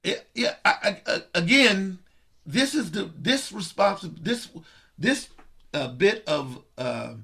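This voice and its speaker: Male board member on a video call, high-pitched, with choppy, breaking-up audio and halting delivery. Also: lively intonation, vocal fry, bright, forceful tone, husky. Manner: halting, repeats words. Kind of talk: remote meeting discussion.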